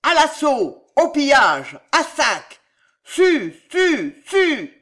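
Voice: high voice, wildly swooping pitch, extremely slow, pushed and bright, voice pushed up, exaggerated voice. A reader voicing a savage, furious nobleman leading an assault, howling his cries, in a storybook reading.

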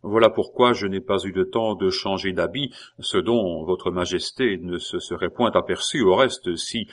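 A man's voice: low-pitched, normal speed. A man reading the lines of a proud, dignified young nobleman in a storybook. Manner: dignified, respectful.

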